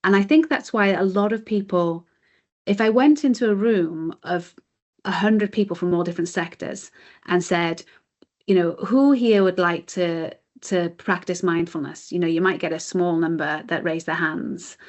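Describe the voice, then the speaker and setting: A British woman, chief executive of a mindfulness charity, is the guest in a conversational interview, answering in an earnest, explanatory way. Her voice is fairly low, at a moderate pace.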